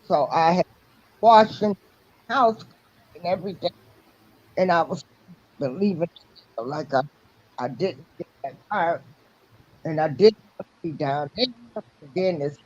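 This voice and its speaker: A woman calling in on a choppy, glitchy line that breaks up every other word, talking haltingly with many restarts. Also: sits low, a little mellow. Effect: choppy, glitchy call audio that breaks up every other word. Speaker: caller joining a livestream. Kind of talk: casual call chat. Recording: dull lo-fi call line from far off.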